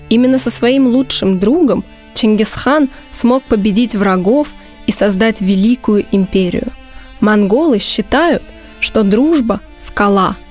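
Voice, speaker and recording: A woman calmly explaining words and customs in a measured, educational way. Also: medium pitch. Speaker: presenter.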